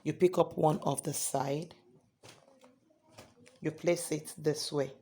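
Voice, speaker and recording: A hoarse man teaching a sewing tutorial step by step, often checking in with "okay?". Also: fairly high pitch, fairly even intonation, takes it slowly, darkish tone. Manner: repeats points, ends lines with "okay?". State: hoarse from singing. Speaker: sewing instructor.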